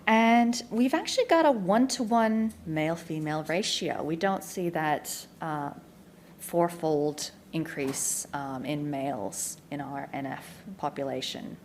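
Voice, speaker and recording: An Australian woman giving a clear, informative conference presentation as a neuropsychologist, with frequent ums. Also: low voice, a little slow, darkish tone, slight background noise. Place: community information day presentation.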